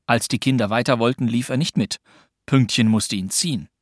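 An audiobook narrator reading a children's book with expressive storytelling. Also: mid-range voice, normal speed, no room sound. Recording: dry studio.

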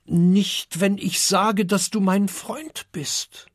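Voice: mid-range voice, fairly even intonation, takes it slowly, no room sound, clean studio sound, voice pushed up. A reader voicing a young, shy and slightly sad dragon in a children's story, talking in a grumbling, hesitant way. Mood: grumbly.

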